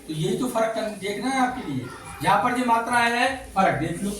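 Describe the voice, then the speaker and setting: A man's voice: sits high, animated, fairly quick, crowd noise. A male teacher giving a classroom lesson, quizzing the children and repeating their answers back. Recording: echoey classroom from far off.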